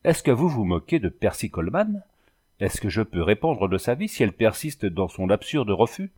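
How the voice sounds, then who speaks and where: A man doing a blustering excitable old-school doctor. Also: on the low side, normal speed, breathy edge. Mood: excited. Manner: exclaiming, bursting into outbursts. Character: excitable blustering male doctor, brusque and eager.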